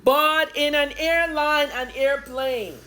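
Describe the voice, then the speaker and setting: A woman's voice: sits high, steady tone, takes it slowly, pushed and bright. A middle-aged woman with a Nigerian accent giving opinionated news commentary as a journalist, emphatic, blunt and scolding.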